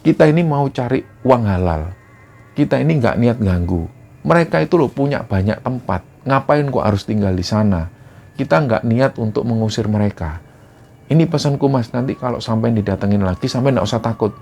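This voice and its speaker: A man voicing a plain-spoken male builder who earnestly reassures a friend, with a gravelly voice. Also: mid-range voice, animated, a little fast, a little mellow, a little hiss or hum. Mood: reassuring.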